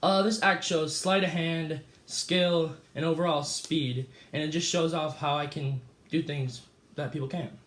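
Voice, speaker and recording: Playing a famous, easygoing escape artist for a mock interview, a young man speaks in a fairly high, a bit bright voice with fairly even intonation, slightly raised. The room is echoey, and he's casual but halting, tripping over words and saying "uh" often.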